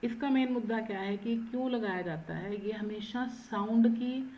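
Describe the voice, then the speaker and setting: A woman teaching French in an online lecture, stressing each word slowly and often checking in with "है ना". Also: a little high, warm tone, muffled recording, slight background noise. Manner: mixes Hindi and English, frequent "है ना". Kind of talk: online lecture explaining accent marks.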